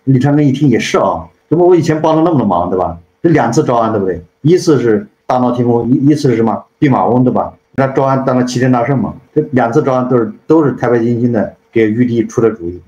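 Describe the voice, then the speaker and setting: Middle-aged male host, mellow lower voice, brisk colloquial storytelling that acts out each line; echoey room, dull lo-fi sound. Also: slight background noise. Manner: colloquial, acts out characters' lines, tags with "right?". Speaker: host retelling a classic novel. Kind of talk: casual storytelling commentary.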